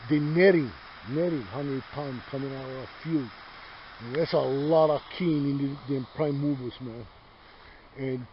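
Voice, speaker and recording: A middle-aged man from Hawaii's Big Island with a Hawaiian Pidgin accent, talking casually outdoors in his yard, rambling, swearing freely and calling the listener brother. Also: fairly high pitch. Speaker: host. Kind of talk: casual chat. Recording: dull lo-fi sound with faint noise.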